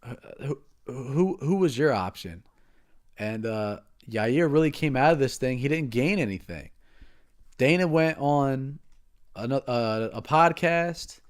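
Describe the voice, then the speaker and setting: A man co-hosting a casual podcast, talking about fighters in a halting way, repeating words and trailing off. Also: mid-range voice, expressive. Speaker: podcast co-host. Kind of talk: casual sports chat.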